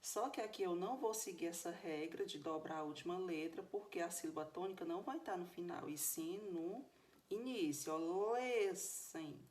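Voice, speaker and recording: A woman's voice: on the low side, normal speed, a little mellow. Patient Brazilian woman teaching grammar. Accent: Brazilian Portuguese. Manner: patient, step-by-step explaining, checks in with "tá certo?". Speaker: English teacher. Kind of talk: recorded video lesson.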